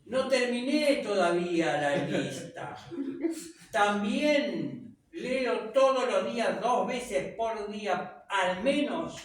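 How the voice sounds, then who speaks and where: A man whose first language is French gives a public talk, lecturing conversationally and filling it with rhetorical questions. His high, expressive voice moves slowly, heard from some distance in an echoey room with faint background noise.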